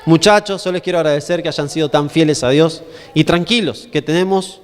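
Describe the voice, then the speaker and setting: A man's voice: a little high, a little fast, clear, resonant tone, voice pushed down, natural voice. A man voicing an easygoing, reassuring young Hebrew captive. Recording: long reverb in a conference hall.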